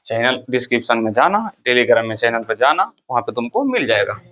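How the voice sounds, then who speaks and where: A man's voice: mid-range voice, sing-song, brisk, fairly bright tone, lo-fi sound. A man teaching a class, firing questions at the students and repeating the key terms. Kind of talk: classroom lecture.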